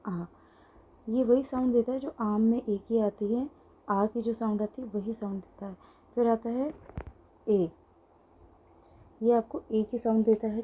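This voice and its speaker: A woman's voice: a little high, dark tone, a little hiss or hum. A woman teaching an online language lesson, explaining patiently while writing things out and mixing in English phrases. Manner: writes on a board while explaining.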